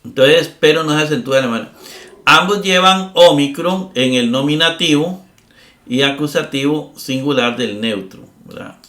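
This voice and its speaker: A middle-aged man records a Greek grammar lesson, patiently explaining each step, often checking in with "¿verdad?" and pausing on "eh." His voice is on the high side, pushed and bright, and the sound is reverberant.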